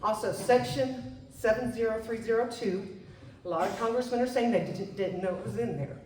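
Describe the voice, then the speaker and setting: A woman's voice: on the high side, normal speed, a little mellow, a little hiss or hum. A woman giving an urgent, indignant public comment at a town hall meeting, speaking directly to her congressman. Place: museum meeting room. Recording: echoey room from far off.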